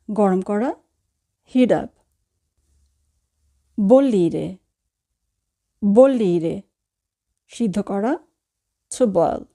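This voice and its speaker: Woman, Bangladeshi Bengali accent, vocabulary lesson, very slow, repeats each word, mellow. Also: medium pitch. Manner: repeats each word slowly, then translates. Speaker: language teacher.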